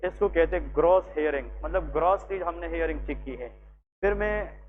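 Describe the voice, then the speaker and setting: A man with a Pakistani accent teaching a clinical skills lesson, explaining each step and checking with quick questions. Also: a little high. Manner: explains step by step, mixing English terms, checks with rhetorical questions. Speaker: medical lecturer. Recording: tinny lo-fi with faint hum.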